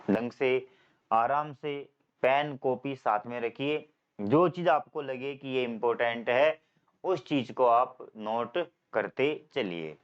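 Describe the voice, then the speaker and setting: A man's voice: mid-range voice, smooth. A man teaching English for competitive exams with an Indian English accent, who keeps asking the class questions and calls the students "beta". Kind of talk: classroom lecture. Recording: slightly dull lo-fi sound.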